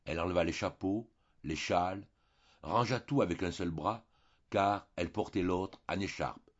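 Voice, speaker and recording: A man reading a classic novel aloud as an audiobook narrator, measured and expressive. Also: low voice, lo-fi sound. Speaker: audiobook reader.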